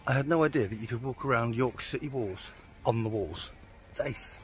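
A man's voice: mid-range voice, a little fast, heavy background noise. A man, a touring musician, talking casually to a handheld camera while out walking, chatty and self-mocking. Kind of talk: casual travel vlog chat. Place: outdoors on walks and sightseeing.

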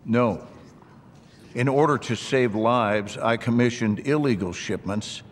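An actor playing a stern older American army general, speaking in a tough, formal, deliberate manner in a game cutscene. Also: male voice, mid-range voice, close to an everyday voice. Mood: stern, measured. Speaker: military general testifying. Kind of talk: dramatic game cutscene acting. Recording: reverberant chamber, background ambience noise.

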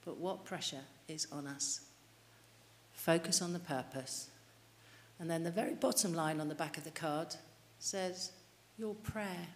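Speaking a little slowly in a low-pitched voice, a middle-aged woman delivers a sermon into the lectern mic and earnestly poses questions to her congregation. The church hall sounds reverberant, with a light hiss.

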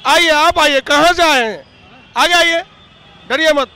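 High, bright-voiced male street reporter. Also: measured pace. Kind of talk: vox-pop street interview. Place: outdoor city street.

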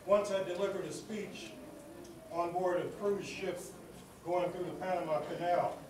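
High-voiced man orating in an echoey hall. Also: steady tone, measured pace. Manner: rhythmic oratorical delivery with repeated phrases. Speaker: commencement speaker. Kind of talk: commencement speech. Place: large hall at a graduation ceremony. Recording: echoey hall recording from far off with noise.

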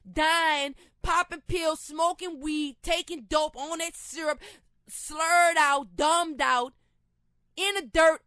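Impassioned high-voiced woman from New Orleans. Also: no room sound, studio quality. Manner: impassioned, preachy, swings from low reflective to loud shouting. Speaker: rapper. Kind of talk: emotional spoken monologue.

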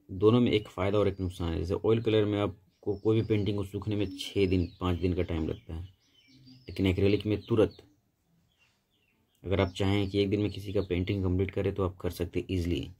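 A man's voice: low-pitched, steady tone, a little fast, dark tone. A man giving a painting tutorial in a voice-over, explaining each step patiently and steadily. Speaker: painting instructor.

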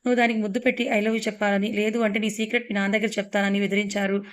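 A woman reading a cheeky young girl who scares easily, in an audio storybook. She pleads and apologizes in quick, even sentences. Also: medium pitch, lightly acted. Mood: pleading.

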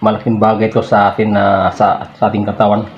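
A man speaks casually while chewing, his words softened by the food in his mouth. He chats easily to his viewers in a relaxed way. The recording is a bit muffled, with faint background noise. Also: lowish voice, brisk. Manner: relaxed, chatty, addresses viewers as guys. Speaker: vlogger. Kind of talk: casual mukbang vlog.

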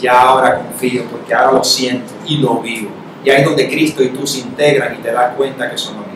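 A man's voice: mid-range voice, fast, background noise. Man speaking in an echoey room. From Spanish-speaking country. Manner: animated, acts out quoted voices with sudden rises. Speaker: spiritual talk facilitator. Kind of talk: spiritual talk to a live audience. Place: meeting room. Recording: echoey room, mic far off.

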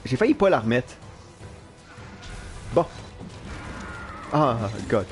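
A young man with a Quebec French accent giving live gameplay commentary in an animated, self-mocking way, swearing casually. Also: medium pitch, slow, soft background music. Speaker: live streamer. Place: at work.

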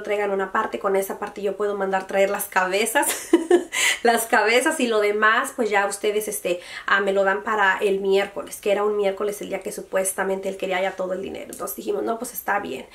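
A young woman, telling a personal story in a casual, emotional vlog and acting out what others said. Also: mid-range voice. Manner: emotional, animated retelling that quotes other people. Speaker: beauty vlogger. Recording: voice a bit far from the mic.

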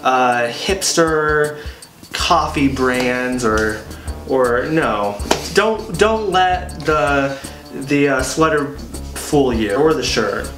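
A young man co-hosting a casual comedic chat at home, rambling with playful deadpan banter. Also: medium pitch, very slow, roomy sound, over music. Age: young adult. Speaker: co-host. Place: home kitchen, indoors.

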